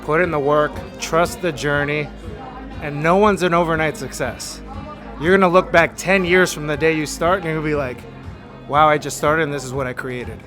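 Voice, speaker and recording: A man from Los Angeles speaks in an earnest, motivational tone as he reflects on his art in an interview. His voice sits a touch higher than most men's. Clear music plays behind him. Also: fairly even intonation, moderate pace. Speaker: artist interviewed.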